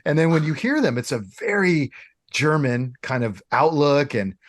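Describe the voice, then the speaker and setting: A middle-aged man co-hosting a podcast, animated and playful in casual chat, laughing often. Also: fairly high pitch, normal speed, no echo, clean studio sound. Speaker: podcast co-host.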